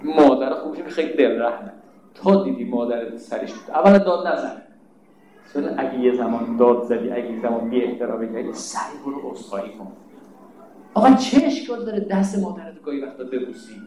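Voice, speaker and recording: A man's voice: mid-range voice, animated, mellow, roomy sound, poor audio. A man giving a religious sermon, emphatic and scolding, asking rhetorical questions. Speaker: preacher.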